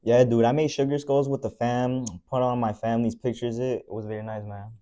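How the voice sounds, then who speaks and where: A man's voice: mid-range voice, flat delivery, brisk, warm tone, muffled recording. A teenage man anchoring a student newscast in laid-back, slangy scripted banter.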